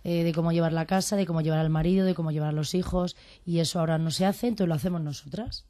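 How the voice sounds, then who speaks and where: A hoarse actress, chatting and joking as a guest on a radio show. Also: female voice, on the low side, steady tone, fast, dark tone, no echo. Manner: chatty, joking, trails off and restarts. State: hoarse from pharyngitis. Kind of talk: casual radio chat.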